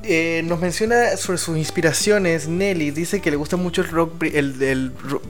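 A radio show host from El Salvador presents a live-streamed music show in the style of a live radio interview, chatting a lot and tossing joking asides to listeners. His voice sits on the high side and moves at a moderate pace.

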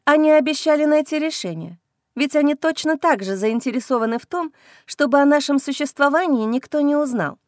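A woman's voice: high-pitched, lively intonation, a little fast, no room sound, studio quality, voice pushed up. A woman voicing an anxious, fretful female werewolf mother in an audiobook. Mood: distraught. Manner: fretful, pleading. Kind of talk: audiobook character reading.

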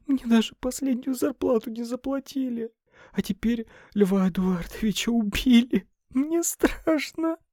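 A timid young secretary, sobbing and frightened, her voice pushed up very high and thin, as a male storyteller puts her on. She wails each answer in a plaintive, shaky tone, close and dry in an audiobook reading. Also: normal speed, warm tone, no echo. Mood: tearful, frightened.

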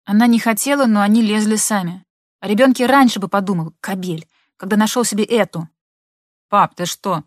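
A woman narrating a literary audiobook in an expressive, measured manner. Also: medium pitch, no room sound, clean studio sound.

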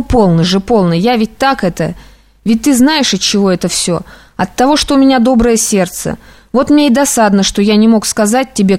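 A woman reading aloud, voicing an emotional young male clerk who pleads and rushes his words. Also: fairly high pitch, darkish tone, close to an everyday voice.

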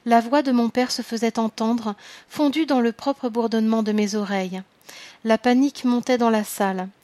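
A woman reads a first-person literary story aloud in a fairly high voice. Her delivery is measured and grave, giving each phrase its weight. The recording is dry and close, with no room sound. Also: steady tone, mellow, no echo. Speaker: audiobook narrator. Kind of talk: scripted first-person narration.

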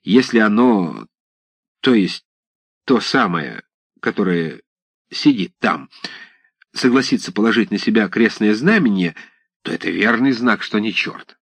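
A man's voice: lowish voice, expressive, creaky, breathy edge, no echo, exaggerated voice. A man doing a cautious, fussy village clerk. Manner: careful, halting, persuasive.

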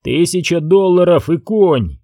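A man's voice: a little high, expressive, unhurried, dark tone, no echo, clean studio sound, voice pushed up. A man reading an audiobook, voicing a ruthless, domineering rancher boss who speaks in brusque commands.

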